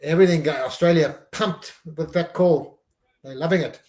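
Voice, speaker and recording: A man's voice: a little high, moderate pace, darkish tone, reverberant. Chatty man doing live match commentary. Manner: chatty, reacts to each play. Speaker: live stream host.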